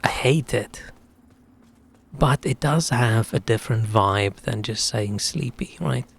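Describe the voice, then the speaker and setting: A man streams a video game and chats casually, thinking aloud as he plays. His voice sits at a middle pitch with a gravelly, creaky edge, and his talk stays relaxed and unhurried. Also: slight background noise. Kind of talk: casual gaming commentary.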